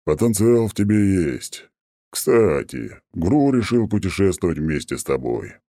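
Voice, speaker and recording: Man voicing a smug, very deep oak god. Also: very animated, unhurried, mellow, no room sound, studio quality, heavily acted. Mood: smug, haughty. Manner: haughty, mocking, condescending. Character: smug arrogant ancient male oak god.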